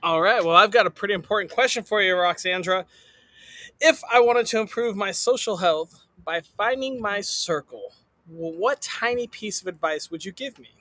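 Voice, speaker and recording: High-voiced upbeat male podcast host. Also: moderate pace, pushed and bright, no room sound. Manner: upbeat, emphatic announcer delivery. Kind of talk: podcast host reading sponsor shout-outs.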